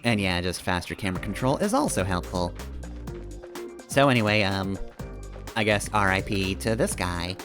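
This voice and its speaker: Over video game music, a man streams a game and gives casual, rambling live commentary that's analytical and wry. His voice is low and animated, at a moderate pace broken by long pauses.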